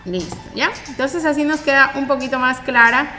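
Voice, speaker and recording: Woman, primary teacher, recorded lesson; bright and a bit high, patient, frequent check-in questions, reverberant room. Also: normal speed, soft background music. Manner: stresses syllables loudly to demonstrate.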